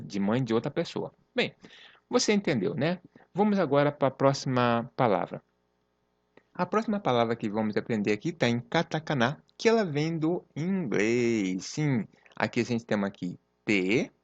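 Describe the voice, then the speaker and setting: A man's voice: medium pitch, no echo. A man teaching a Japanese lesson online. He explains patiently, repeats each word and acts out little example sentences. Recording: dry, slightly dull lesson recording.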